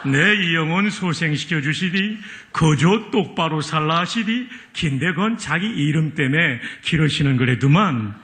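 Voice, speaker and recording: A pastor reading a psalm in a put-on Pyongan dialect, slowly and chuckling. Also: male voice, a little high, lively intonation, a bit bright, pitched above the performer's own voice. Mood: amused. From Chungcheong, Korea. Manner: slow, chuckling delivery.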